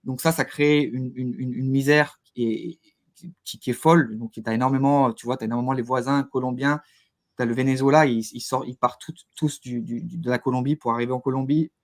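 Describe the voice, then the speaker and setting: A man speaking as an interview guest at a middling pitch. His delivery is conversational and halting, with words repeated while he looks for the right phrase. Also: steady tone.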